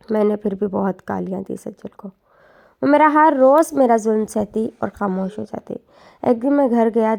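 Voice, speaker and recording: A woman telling an emotional story in a soft, subdued and earnest way, narrating in the first person. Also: medium pitch, vocal fry.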